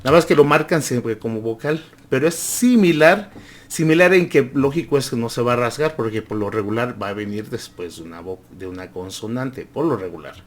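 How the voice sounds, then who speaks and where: A man's voice: medium pitch, lively intonation. A man teaching English pronunciation, repeating each word several times and growling long R sounds to show how they are made. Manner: growls drawn-out R sounds to demonstrate. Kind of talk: language lesson.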